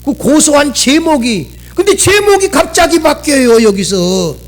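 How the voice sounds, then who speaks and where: A middle-aged man, preaching a sermon as pastor in an animated way, acting out quoted lines. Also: very high voice, a little slow.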